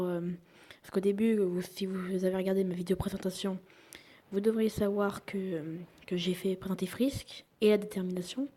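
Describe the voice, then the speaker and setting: Young woman, casual gameplay commentary, mellow voice, breathy, half-whispered asides. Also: medium pitch. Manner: chatty, drifts into whispering while playing. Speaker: gaming YouTuber.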